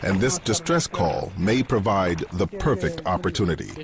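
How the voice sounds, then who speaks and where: A man reads scripted nature documentary narration in a measured, dramatic storytelling delivery. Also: low-pitched, big pitch swings. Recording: music bed under the narration. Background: background music.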